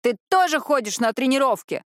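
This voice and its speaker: A woman's voice: mid-range voice, moderate pace, a bit bright, dry recording, lightly acted. A whiny young man who yelps and protests in a raised voice, as a woman reader puts him on. He sounds petulant and defensive. The audiobook recording is dry and close. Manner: whining, yelping.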